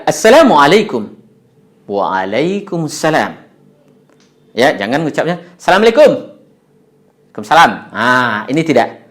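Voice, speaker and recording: A man's voice: medium pitch, a bit bright. A man with an Indonesian accent teaching Arabic pronunciation in a video lesson, with many "ya" fillers as he models Arabic sounds.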